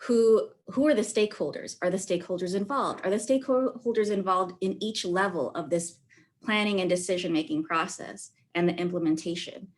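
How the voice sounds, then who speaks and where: Halting woman panelist on a video call. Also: fairly low pitch. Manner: halting, thinks aloud with many fillers.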